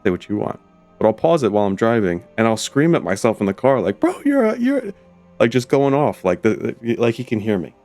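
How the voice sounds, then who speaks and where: A man with a voice still rough from being sick, hosting a casual, chatty reaction video with excitable tangents and casual swearing. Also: brisk. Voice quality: deep husky radio-like voice. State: voice rough from recovering from illness. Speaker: YouTube host reading Reddit stories. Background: faint ambient music.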